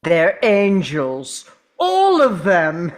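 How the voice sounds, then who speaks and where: An actor playing an urgent, commanding time-travelling doctor in a dramatic script read, with deliberate, halting delivery. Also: medium pitch, wildly swooping pitch, exaggerated voice. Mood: grave.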